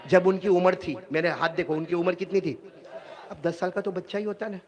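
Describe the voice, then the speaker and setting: A man preaching through a story and drawing answers from his listeners, dramatic, swinging between hushed and loud. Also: high-pitched, steady tone. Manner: call-and-response, prompting listeners to answer. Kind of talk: religious storytelling sermon.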